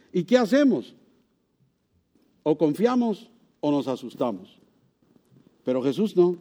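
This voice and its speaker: A male pastor preaching a sermon, throwing rhetorical questions to the congregation and swinging widely in pitch and loudness for emphasis.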